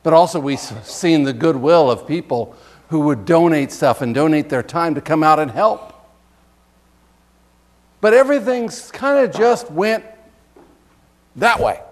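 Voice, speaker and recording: A man's voice: on the high side, expressive, measured pace, pauses often. A male pastor giving a conversational sermon, reading scripture expressively and chuckling between points.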